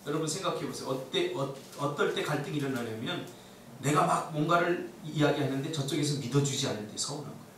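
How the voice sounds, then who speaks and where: A man preaching a sermon as a pastor, animated, acting out the voices he quotes. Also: fairly high pitch, quick pace, a little hiss or hum. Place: church sanctuary. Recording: echoey church hall, mic at a distance.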